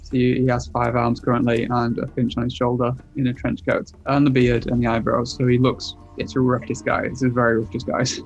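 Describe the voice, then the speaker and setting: Flat-voiced man running a tabletop game. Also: medium pitch, brisk, few pauses, muffled recording, soft background music. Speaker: game master.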